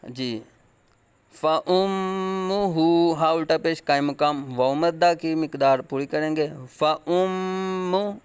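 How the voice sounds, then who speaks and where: A man with a Pakistani Urdu accent teaching Quran recitation, spelling out letters and words slowly and loudly, then explaining the rules quickly in a lower voice. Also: steady tone, clean tone, no room sound.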